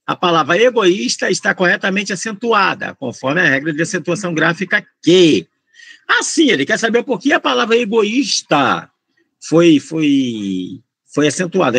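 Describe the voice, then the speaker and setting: A Portuguese tutor for exam candidates gives an informal grammar lesson in a high, gravelly, husky voice, his pitch swinging up and down. With a Brazilian Portuguese accent, he's slangy, lively, and rambling, full of asides and calling the students "gente." The recording is dry and close.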